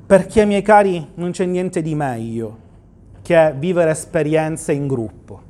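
A pastor preaching a livestreamed sermon in church, asking rhetorical questions and quoting scripture. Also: male voice, on the high side, measured pace, dark tone.

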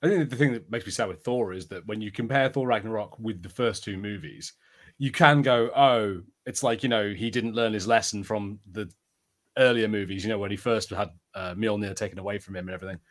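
A podcast co-host chats casually about films in a review conversation, telling things enthusiastically and conversationally. His voice is lowish, brisk and fairly bright.

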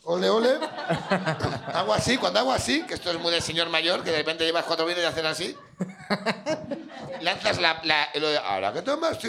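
A middle-aged Spanish man with a rough, gravelly rasp, pitched fairly high for a man. He hosts a live comedy show in a loose, rambling, self-mocking way. The sound is a stage mic picking up a crowd. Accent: Spanish (Spain). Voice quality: gravelly, raspy voice. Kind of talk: stand-up crowd work chat.

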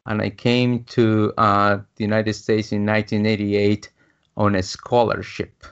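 A man in his fifties, a business coach from Guatemala, shares his life story as an interview guest, stumbling into frequent fillers and restarts. He speaks with a lowish, clean-toned voice in a flat, slightly slow delivery. The recording sounds dull and lo-fi.

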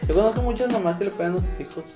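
A man's voice: sits high, very fast. A man with a Mexican accent bantering in casual chat, teasing and full of slang. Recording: roomy sound with music underneath. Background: music.

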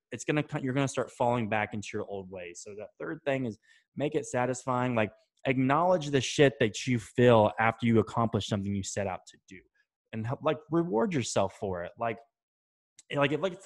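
A young man talking casually to camera, giving habit advice, loose and chatty, swearing now and then and checking in with "right?" and "okay?". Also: medium pitch. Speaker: self-improvement vlogger.

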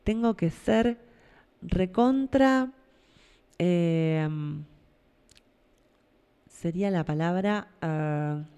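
A woman with a Buenos Aires Argentine accent hosting a reflective spiritual talk, pausing to search for words and often checking in with tag questions. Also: on the low side, warm tone, clear, resonant tone, in a large hall. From Buenos Aires Province, Argentina. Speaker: podcast host.

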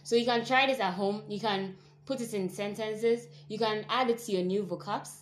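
A woman's voice: medium pitch, slight background noise. Woman hosting a casual podcast. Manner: measured, advising. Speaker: podcast host.

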